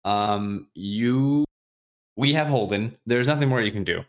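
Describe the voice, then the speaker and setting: A man on a podcast casually retelling a novel's chapters, acting out the characters' lines in quick, offhand voices and swearing freely. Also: fairly low pitch. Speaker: podcast host recapping a book. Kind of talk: casual chat.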